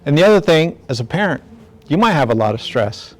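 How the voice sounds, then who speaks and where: Speaking fairly quickly in a slightly high, very animated voice, this middle-aged man from National City, near San Diego, addresses parents in a casual, direct community talk. He's a law enforcement speaker who is plainspoken and acts out pretend conversations.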